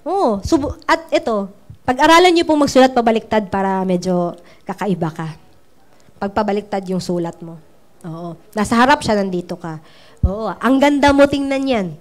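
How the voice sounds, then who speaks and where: A woman's voice: medium pitch, moderate pace. A woman business trainer giving a casual training talk, chatty and playful with teasing asides.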